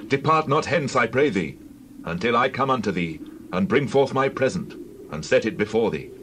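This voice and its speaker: A man's voice: medium pitch, animated, moderate pace, a bit bright, a little hiss or hum, lightly acted. An actor playing a humble, anxious Israelite man pleading earnestly in a scripture drama.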